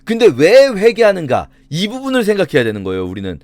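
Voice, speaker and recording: A man's voice: high-pitched, huge pitch swings, quick pace, a little mellow, no echo. A male pastor giving a conversational Bible reading commentary, explaining with rhetorical questions.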